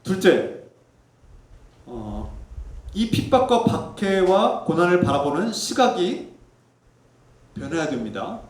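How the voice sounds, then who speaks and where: A man preaching from the pulpit with a fairly high voice, earnest and pleading, pressing each point firmly. His words ring out through a reverberant church hall. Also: very animated, slow pace, long pauses, far from the mic. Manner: earnest preaching, rising to emphatic exhortation; softens to a low reflective tone for personal testimony. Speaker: pastor. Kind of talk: sermon. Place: church sanctuary. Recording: echoey church sanctuary.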